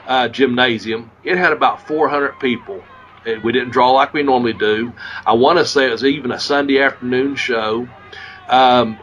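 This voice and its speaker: A man's voice: mid-range voice, fairly bright tone, lo-fi sound, a little hiss or hum. A man hosting a podcast and telling wrestling stories in a rambling, profane way, losing his voice a little. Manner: rambling, profane, restarts often. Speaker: podcast host, former wrestler. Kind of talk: casual storytelling.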